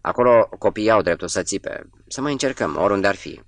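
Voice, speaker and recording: A man reading the part of an anxious young mother in an audiobook, his voice lifted a little higher. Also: expressive, dry recording. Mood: pleading.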